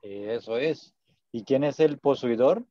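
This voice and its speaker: Man teaching spanish online, patient, encouraging, mellow voice, dull dry call audio. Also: mid-range voice, takes it slowly, no echo. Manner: patient, encouraging, repeats words to drill.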